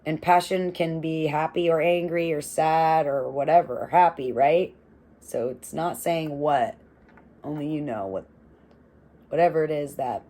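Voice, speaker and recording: Low-voiced, slow-talking woman reading tarot. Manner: swears freely, laughs often, animated and rambling. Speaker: tarot reader.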